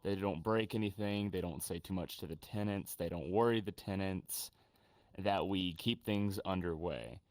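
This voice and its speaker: A man joining a casual chat as a guest, speaking in a steady, matter-of-fact way. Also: low-pitched, moderate pace, no echo.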